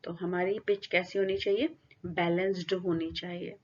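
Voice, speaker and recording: A woman teacher giving a lecture, explaining points in Hindi and reading English definitions out slowly. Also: lowish voice, little pitch movement, breathy edge, muffled recording. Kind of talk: classroom lecture.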